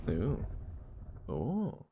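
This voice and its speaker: A man's voice: medium pitch, wildly swooping pitch, extremely slow, vocal fry, narrow, tinny audio, very noisy. A tired man giving casual, rambling commentary over a strategy game, acting out his own reactions. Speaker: gaming YouTuber.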